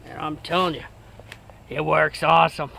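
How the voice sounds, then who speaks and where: A man outdoors in freezing weather, loudly and excitedly showing off a tool he built, with slangy, casual talk. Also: a little high, moderate pace, vocal fry, slight background noise. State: freezing cold. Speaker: vlogger demonstrating a tool.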